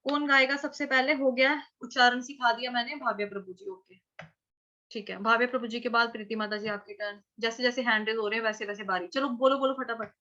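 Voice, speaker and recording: A woman's voice: fairly high pitch, fairly even intonation, brisk, pushed and bright, muffled recording. A woman teaching Sanskrit verse pronunciation in an online class, patiently drilling syllables and chanting lines.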